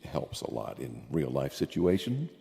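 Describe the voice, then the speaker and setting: A man's voice: extremely low pitch, big pitch swings, moderate pace, creaky, warm tone. A man hosting a casual chat show, talking in an easygoing, rambling way full of fillers, his voice ringing with cave-like reverb. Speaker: podcast host. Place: underground bunker room. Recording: long cavelike reverb.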